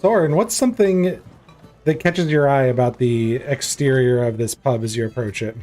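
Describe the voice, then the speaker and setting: A man's voice: mid-range voice, normal speed, a little mellow, faint music behind. A man improvising narration as game master of a tabletop fantasy game.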